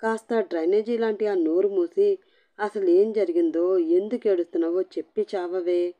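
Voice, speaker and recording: A woman's voice: medium pitch, fairly even intonation, normal speed, muffled recording, close to an everyday voice. A woman voicing an exasperated young husband who snaps and teases sarcastically. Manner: teasing, yelling.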